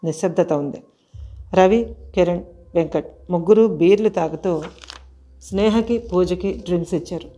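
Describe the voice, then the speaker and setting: A woman narrating a haunted house audio story in an expressive, dramatic storytelling manner. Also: lowish voice.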